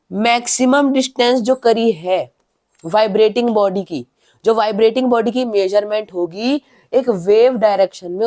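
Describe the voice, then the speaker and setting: A male tutor giving a science lesson. He asks rhetorical questions and then answers them, repeats phrases, reads English definitions slowly word by word, and lets his voice fall quietly at the ends of sentences. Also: extremely high pitch. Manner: demonstrates by speaking louder and softer.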